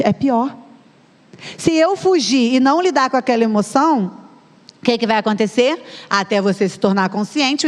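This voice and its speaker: A Brazilian woman in her thirties, a psychologist giving a chatty conference talk in a church and speaking straight to the audience. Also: fairly high pitch. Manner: chatty, addresses the audience directly. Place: church hall. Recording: long reverb of a church hall.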